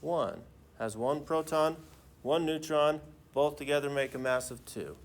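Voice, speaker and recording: A man's voice: a little high, unhurried. Man lecturing a class like a professor. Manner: informal, checks in often with the class. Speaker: chemistry teacher lecturing to a class. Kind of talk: classroom lecture with questions to students, like a professor in a lecture hall.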